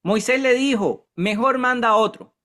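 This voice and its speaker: A man's voice: extremely high pitch, normal speed, pushed and bright. A man teaching a Bible study in a conversational way, often checking in with his listeners. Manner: conversational, keeps asking the group "¿verdad?".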